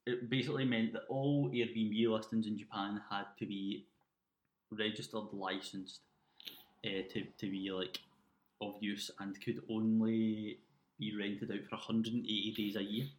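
A man's voice: lowish voice, flat delivery, unhurried. A man co-hosting a casual podcast, picked up by a laptop microphone with a muffled, underwater sound. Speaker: podcast co-host. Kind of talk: casual chat. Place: indoors at home.

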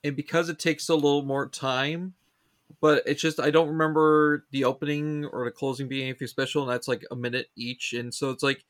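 A man co-hosting a casual podcast chat, animated and reading show blurbs aloud. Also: medium pitch, brisk, no echo. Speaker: podcast co-host.

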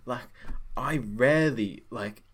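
A man's voice: medium pitch, slow pace, a bit bright, breathy edge. A young man on a podcast, gushing about a film in rambling casual chat full of fillers. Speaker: guest.

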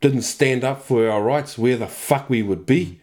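Interview guest: middle-aged male, New Zealand accent, mid-pitched, candid, blunt and casually sweary. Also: measured pace, a little mellow. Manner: blunt, sweary, punctuated with "you know" and "man".

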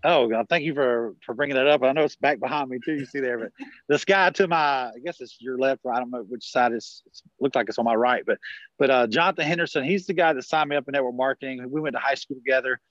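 A man's voice: mid-range voice, fast talker, fairly bright tone, no echo. Man, 40s, rural South Carolina accent, rambling casual talk, restarts, video call, muffled dry audio. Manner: rambling, many restarts and fillers. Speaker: podcast guest, network marketer. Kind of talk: casual conversational interview.

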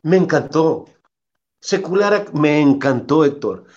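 A man, a former goalkeeper, telling anecdotes in an interview with lively asides. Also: fairly high pitch, measured pace, highs cut off. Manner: animated anecdotes, quotes the coach in character. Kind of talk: casual interview storytelling.

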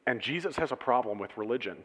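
Laid-back guy preaching, chatty and lively, quizzes the crowd, big echoey hall. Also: mid-range voice, fast talker, a little hiss or hum. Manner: casual and animated, asks the congregation questions. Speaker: pastor. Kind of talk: conversational sermon. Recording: long hall reverb.

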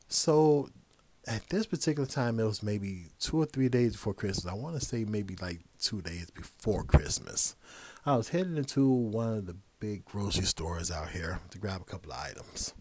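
A man's voice: lowish voice, darkish tone. A man hosting a podcast, telling a personal story in a casual, conversational way with chuckling asides. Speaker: podcast host.

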